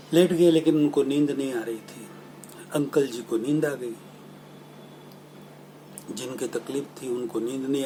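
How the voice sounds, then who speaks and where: A man giving a religious storytelling talk, earnest and humble, calling his listeners his dear brothers and sisters. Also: mid-range voice. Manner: apologetic, humble asides. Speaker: spiritual lecturer. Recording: steady background noise.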